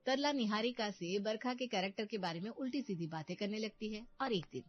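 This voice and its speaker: A woman storyteller giving scripted narration of a family story in an even, matter-of-fact way. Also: mid-range voice, fairly quick, muffled recording.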